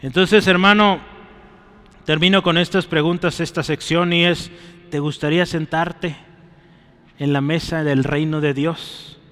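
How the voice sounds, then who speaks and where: A man's voice: a little high, steady tone, measured pace, a bit bright, clear, resonant tone, in a large hall. A man preaching a sermon and closing in prayer, urging his listeners and often checking in with a short "right?" and "brother". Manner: exhorting, often adds "¿sí?" and "hermano" to his phrases.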